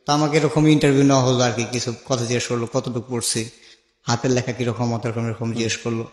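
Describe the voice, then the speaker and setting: This is a fast-talking man with a medium-pitched, darkish voice and a level tone, speaking with a Bangladeshi accent. He tells his life story conversationally, acting out the remembered conversations while he narrates, in an echoey space with long reverb.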